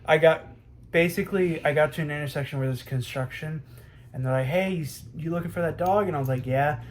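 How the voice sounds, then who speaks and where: A man's voice: on the high side, brisk, slight background noise. A young man vlogging at home, telling a story in a rambling way, full of fillers. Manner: rambling, lots of "um" and "I'm like". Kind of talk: casual storytelling.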